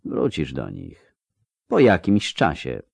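A man voicing an ancient, aloof male elf sage who speaks slowly, quietly and with measured calm. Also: a bass voice, gravelly, slightly rough, no echo, pitched below the performer's own voice, heavily acted. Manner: slow, quiet, measured speech.

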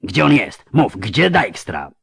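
A man's voice: on the low side, big pitch swings, takes it slowly, gravelly, a bit bright, slightly rough, dry recording, full character voice. A man voicing the cold leader of a band of masked assassins, barking short, curt orders and threats. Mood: threatening.

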